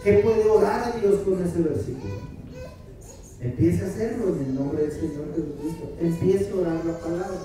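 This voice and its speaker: Dark-voiced pastor in echoey hall. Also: male voice, fairly high pitch. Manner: praying aloud fervently, then teaching in a softer, conversational tone. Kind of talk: sermon with spoken prayer. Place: church sanctuary. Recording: very echoey church hall, mic far off.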